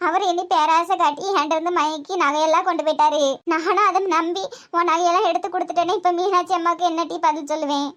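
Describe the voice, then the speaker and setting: A woman voicing a scolding, anguished middle-aged wife and mother in a comedy cartoon, with a Tirunelveli Tamil accent and a shrill, wailing manner. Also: fairly even intonation, fast talker, a bit bright.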